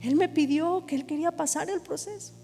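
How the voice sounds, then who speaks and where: Woman voicing a gentle, sorrowful potter. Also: very high voice, a little fast, big-room sound, soft background music, voice pushed up. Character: gentle male potter, grieving but patient.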